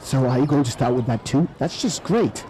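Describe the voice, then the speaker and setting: A man's voice: mid-range voice, animated, moderate pace, dark tone, slight background noise, lightly acted. A man dubbing a telenovela, playing an exasperated man who fends off a nagging woman. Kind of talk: dubbed telenovela acting.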